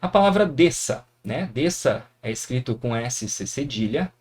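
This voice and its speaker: A man's voice: mid-range voice, animated, normal speed, husky. Encouraging Brazilian teacher man. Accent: Brazilian Portuguese. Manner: encouraging, frequent tag questions. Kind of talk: classroom lesson explaining grammar.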